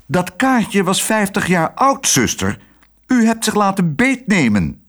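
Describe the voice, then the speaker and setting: A man's voice: medium pitch, big pitch swings, normal speed, breathy edge. A man reading aloud, voicing a stern, scolding male director of a care home.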